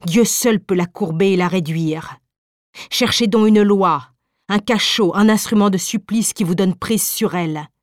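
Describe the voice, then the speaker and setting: A woman reading the part of a proud young wife who answers coldly and calmly. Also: medium pitch, dry recording, studio quality, close to an everyday voice. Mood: defiant. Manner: cold, measured, dignified. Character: proud defiant young wife, icily calm. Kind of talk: audiobook reading.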